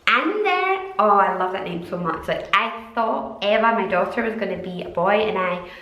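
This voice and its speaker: Young Scottish mum, casual vlogger chat, giggly and emphatic, mid-pitched, echoey room sound. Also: female voice, steady tone, a bit bright. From Scotland. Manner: chatty, giggly, drawn-out emphatic words. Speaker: vlogger and mother of two.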